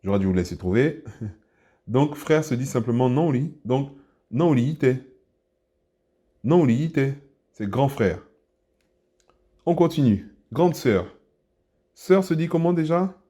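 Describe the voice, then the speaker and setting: A man's voice: mid-range voice, expressive, unhurried, pauses often, warm tone. A man teaching a language lesson, patiently repeating and breaking down words for learners.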